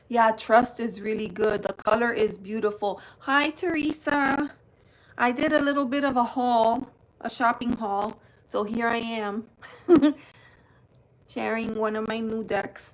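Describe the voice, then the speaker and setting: Slow and unhurried, this New Jersey woman hosts a tarot channel live-stream, unboxing cards and chattily welcoming viewers by name while displaying them. Her voice is a little high with a steady tone, captured on a rough recording.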